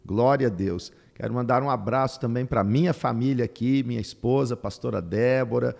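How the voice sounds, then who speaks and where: An older man, a pastor hosting a podcast, who opens with a slow, solemn prayer and welcomes his guest. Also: medium pitch, gravelly, darkish tone, long reverb tail.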